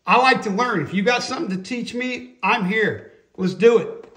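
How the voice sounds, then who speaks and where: A high-voiced, folksy man teaches chainsaw sharpening in a casual, hands-on tutorial to camera from an indoor workshop. He speaks at a moderate pace with slightly bright sound, emphatic and constantly checking in with "okay?" and "all right?"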